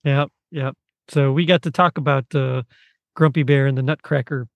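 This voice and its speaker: A man talking as a podcast guest in a casual chat, chatty and quick to laugh. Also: medium pitch, fairly even intonation, vocal fry, dry recording, phone-quality sound.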